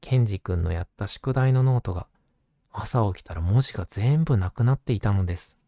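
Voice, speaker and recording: A man narrating a children's picture book at bedtime in a gentle storytelling manner, as if soothing a child. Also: on the low side, lively intonation, brisk, no echo, clean studio sound.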